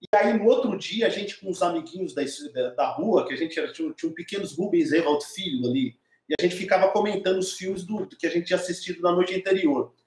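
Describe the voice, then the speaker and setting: A middle-aged filmmaker recounts his story in a loose, animated way, often tossing tag questions at his listener. His voice sits a little high for a man. The room around him is echoey and hollow. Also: quick pace, hardly any pauses, a little hiss or hum. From Diadema, São Paulo, Brazil. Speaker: documentary filmmaker, guest. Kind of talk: casual storytelling interview.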